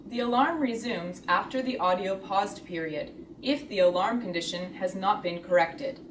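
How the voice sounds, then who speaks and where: A woman reading a scripted product tutorial in a measured, step-by-step explanatory way. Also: mid-range voice. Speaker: instructional video narrator. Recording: roomy, distant, clearly noisy recording.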